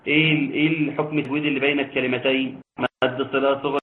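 A man's voice: medium pitch, little pitch movement. Man teaching Quran recitation over a tinny line. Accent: Egyptian Arabic. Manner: explains quickly, then recites slowly in a chanting voice. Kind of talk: online tajweed lesson with students. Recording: tinny phone-like line, faint noise.

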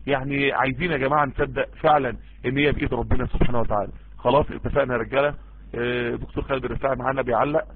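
A man's voice: medium pitch, fairly even intonation, rapid-fire, background noise. A man with an Egyptian accent preaching and giving religious advice, earnest and emphatic, often repeating himself to drive a point home. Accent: Egyptian Arabic. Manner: earnest, emphatic, addresses listeners directly and repeats for stress. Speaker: preacher answering listener messages. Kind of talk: informal Islamic sermon and advice. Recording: tinny phone-like line.

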